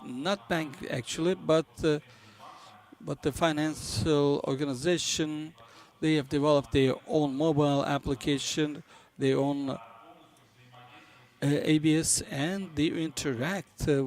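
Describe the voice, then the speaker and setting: A man who is not a native English speaker gives a business conference presentation, halting as he searches for words. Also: fairly high pitch. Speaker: conference presenter for a banking software company.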